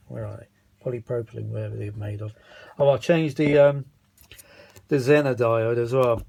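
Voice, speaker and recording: Gravelly and a little mellow, this man's mid-range voice carries a British accent as he talks through a vintage audio repair for his vlog. He sounds tired and exasperated, rambling unscripted, grumbling with mild swearing and searching for the right words.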